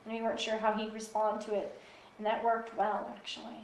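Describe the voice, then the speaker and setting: A woman instructor talks through training steps in a calm, patient, practical way. Her voice sits slightly high. The room around her rings with echo. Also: fairly quick, a little hiss or hum. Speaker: guide dog instructor. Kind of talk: explanatory casual interview answers. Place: instructor's office.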